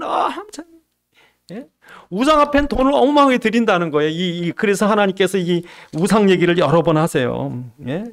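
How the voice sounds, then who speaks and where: Emphatic preaching man, fairly high voice. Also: gravelly. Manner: emphatic preaching, frequent rhetorical questions and "예?" to congregation. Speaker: pastor. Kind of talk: sermon.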